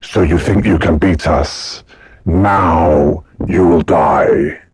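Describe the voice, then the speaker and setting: A man using a voice changer to play a huge, menacing dark shadow being, speaking slowly and threateningly. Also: a little hiss or hum. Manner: slow, threatening, booming. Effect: voice changer, deep morphed voice.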